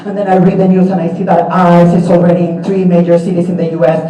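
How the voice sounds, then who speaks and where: A man speaks a raw, looping confession as part of a live dance performance, his voice high for a man yet dark and soft in tone. He is heard from a distance, and the sound carries a strong echo through a large hall. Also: level tone, fast talker, lo-fi sound. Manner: repetitive, confessional, raw and swearing. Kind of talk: spoken-word monologue in a live performance. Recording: echoey hall, voice from far off.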